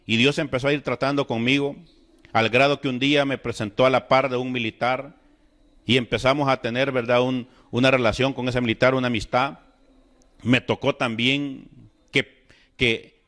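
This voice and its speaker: A man's voice: medium pitch, little pitch movement, normal speed, fairly bright tone. A middle-aged man giving a personal faith testimony at a fellowship gathering. He speaks earnestly to his listeners and acts out remembered dialogue. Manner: earnest storytelling that addresses listeners directly.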